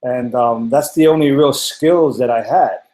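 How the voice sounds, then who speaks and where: A man's voice: mid-range voice, measured pace, a little mellow, echoey room. A man in his forties from Hawaii, earnestly telling his own story on a webinar call from his home office, with many fillers and restarts. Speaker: panel guest. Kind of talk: personal testimonial on a webinar.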